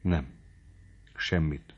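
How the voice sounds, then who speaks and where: A man reading the part of a humble, sorrowful gray-haired old man who speaks in a subdued, hesitant way, on a dull lo-fi recording. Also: natural voice. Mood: dejected.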